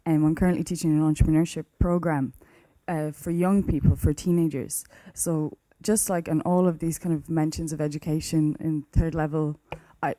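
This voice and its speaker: A woman's voice: sits low, mellow, no room sound, poor audio. A woman with a west of Ireland accent speaking up from the floor at a conference in a nervous, hesitant manner. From Galway, west of Ireland. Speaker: arts facilitator and teacher.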